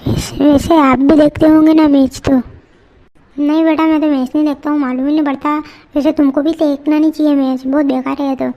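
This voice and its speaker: Woman playing a naggy customer dude in a cartoon, lectures a lot, high even voice, lo-fi. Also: fairly quick. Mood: preachy. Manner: lecturing, complaining. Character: grown-up male customer, fussy and preachy.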